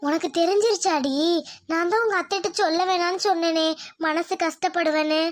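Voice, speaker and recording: Woman voicing a warm-hearted village mother in a cartoon, high voice. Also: brisk. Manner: fussing, welcoming. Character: caring village mother, middle-aged woman.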